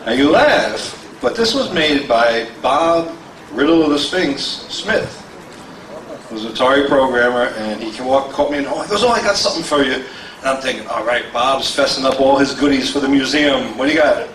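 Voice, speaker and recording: A man's voice: mid-range voice, expressive, a bit bright. A middle-aged man calling bids as an auctioneer at a convention, joking with the crowd and rattling off prices. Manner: joking, self-deprecating banter with the crowd; rapid bid calling. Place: large convention hall with a crowd. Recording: echoey hall, voice from far off, faint noise.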